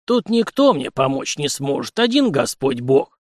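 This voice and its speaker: A man voicing an old prince, a stern but fond grandfather who speaks slowly and grumbles commands. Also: mid-range voice, very animated, a little mellow, dry recording. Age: older.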